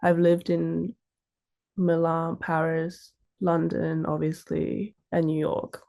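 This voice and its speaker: Slow and monotone, her low-pitched voice has vocal fry and a warm tone. She is a young fashion model from Sydney with an Australian accent, chatting casually and telling stories as an interview guest.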